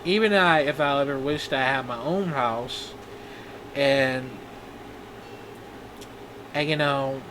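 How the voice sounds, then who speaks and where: A man in his twenties talking in a personal video diary, halting and rambling with many restarts. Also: medium pitch, noisy background. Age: 20s. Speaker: vlogger.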